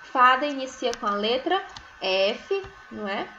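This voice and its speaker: Woman teaching first graders at a very slow pace, high-ish voice, sounds out each syllable, somewhat muffled recording. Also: very animated, sharp tone, a little hiss or hum. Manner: frequent checking tags like "né?" and "certo?". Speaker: primary school teacher.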